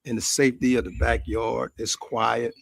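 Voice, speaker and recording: Gravelly American man chatting at the grill. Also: mid-range voice, level tone, moderate pace. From United States. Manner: folksy, repeats phrases for emphasis. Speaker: host of a cooking and chat stream. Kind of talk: casual rambling live-stream chat while grilling. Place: outdoors in a quiet backyard.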